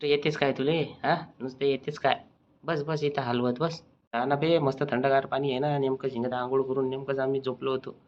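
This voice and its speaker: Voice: mid-range voice, level tone, a little fast, natural voice. A performer voicing a crude, teasing young village schoolboy in a cartoon. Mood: coaxing. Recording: dull lo-fi recording.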